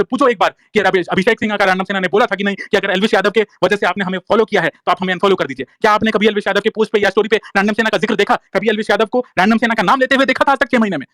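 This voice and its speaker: A man's voice: high-pitched, a bit bright, no echo. A young man from Bihar delivering an angry, profane, repetitive rant to listeners in a live audio room, defiant and heated. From Bihar, India. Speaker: online activist speaking in a live audio room. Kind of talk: angry ranting monologue.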